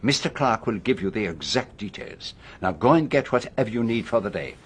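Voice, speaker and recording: In a radio drama, an actor voices a middle-aged Belgian detective who is courteous yet commanding, speaking with a French-speaking accent in a deliberate, theatrical way. His male voice sits fairly low and has a sing-song lilt, and the mood is brisk and authoritative. A faint hiss or hum can be heard.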